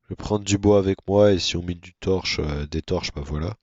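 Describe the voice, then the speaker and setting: A man giving casual, monotone commentary on his own gameplay, with self-mocking asides. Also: sits low, moderate pace, no echo, dull audio. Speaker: gaming video creator.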